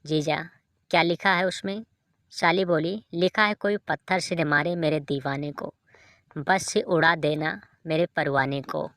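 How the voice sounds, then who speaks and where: A woman reads short jokes aloud, one after another, in an even storytelling delivery. Her voice sits low for a woman and she takes her time. The recording is dry and close, with no room sound. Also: a little slow, no echo. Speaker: joke reader.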